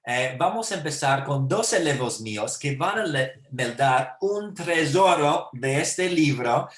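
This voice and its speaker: A man's voice: on the high side, animated, measured pace, fairly bright tone. Man hosting in a roomy echo. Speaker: host of an online talk series. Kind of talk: hosting a video call.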